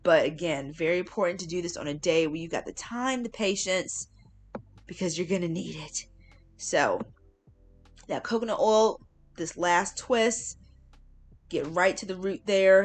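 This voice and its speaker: A woman's voice: lowish voice, fairly bright tone. A woman giving a casual, chatty tutorial voiceover in an informal way, leaning on words for emphasis. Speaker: hair care vlogger.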